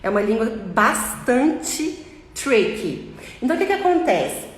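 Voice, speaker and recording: Brazilian woman, English teacher, patient step-by-step explainer, slightly high voice, echoey roomy sound with long reverb. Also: big pitch swings, unhurried. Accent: Brazilian Portuguese. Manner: patient, explains step by step, repeats key points. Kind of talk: informal online English lesson. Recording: echoey room with long reverb and faint ambience.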